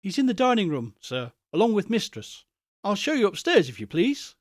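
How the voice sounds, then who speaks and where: A man acts out a young maid from a storybook, obliging and very polite. The voice is deferential, lifted a little in pitch and recorded dry. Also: huge pitch swings, moderate pace, no echo. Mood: polite, helpful.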